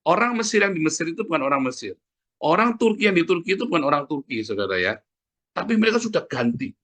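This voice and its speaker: A middle-aged man preaching a sermon, often adding "Saudara ya" and dropping from loud peaks to quiet asides. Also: sing-song, fast. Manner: conversational preaching, often tagging phrases with "Saudara ya"; swings from loud emphatic peaks to low asides.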